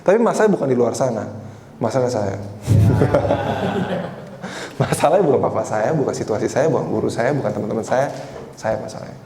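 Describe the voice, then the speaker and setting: The speaker is a preacher in his twenties with an expressive, medium-pitched voice at normal speed. He delivers a conversational sermon, telling a personal story and turning often to the congregation, recorded in a church hall full of echo and faint noise.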